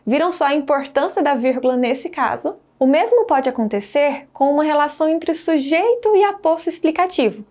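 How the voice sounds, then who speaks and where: A woman teacher giving a scripted grammar lesson, speaking clearly and stressing her example sentences. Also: sits high, animated, moderate pace, few pauses, darkish tone.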